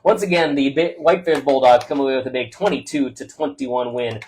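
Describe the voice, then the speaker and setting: A man does local radio sports, loudly giving a chatty wrap-up of the game's scores and stats from a press box over a football field, full of "uh" fillers. His mid-range voice moves briskly, with slight background noise behind it.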